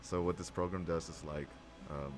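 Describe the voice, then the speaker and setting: A man's voice: deep voice, steady tone, moderate pace. A young man, a podcast guest, chatting casually in a reflective, slangy way. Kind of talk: casual chat. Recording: clearly noisy background.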